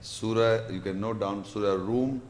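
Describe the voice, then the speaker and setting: In an echoey lecture hall, a man lectures and takes audience questions, explaining patiently and repeating words as he builds sentences, and he recites scripture verses in Arabic. His voice is fairly low and darkish, a little slow and fairly even in intonation, with a slight hiss or hum.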